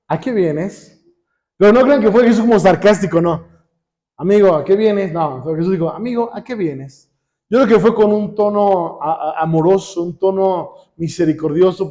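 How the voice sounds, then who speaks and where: A man with a Mexican accent preaching a sermon, constantly asking the congregation questions and pausing for them to finish his sentences. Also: high voice, dark tone. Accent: Mexican Spanish. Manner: calls on the congregation with repeated questions.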